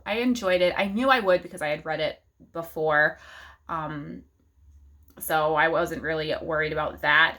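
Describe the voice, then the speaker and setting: Young woman vlogger, lowish voice, rambling casual diary talk from home. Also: a bit bright. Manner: chatty, many fillers like "like" and "um". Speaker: book vlogger.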